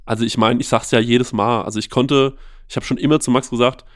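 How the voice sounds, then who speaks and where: A man's voice: mid-range voice, brisk, no echo. Chatty man telling stories, dry sound. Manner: animated storyteller, many fillers. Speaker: podcast host, guest here. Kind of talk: casual interview chat.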